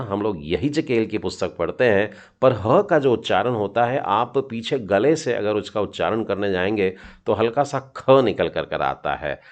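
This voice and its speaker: Slow, low-voiced man teaching patiently. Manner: patient, encouraging, sounds out letters. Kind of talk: children's Hebrew lesson.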